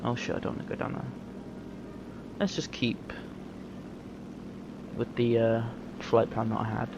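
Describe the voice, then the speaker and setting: A man's voice: medium pitch, level tone, a little slow, vocal fry. Rambling man commentating gameplay. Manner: rambling, self-correcting, easygoing. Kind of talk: casual live gameplay commentary. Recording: dull lo-fi mic with game noise. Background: game engine and vehicle noise.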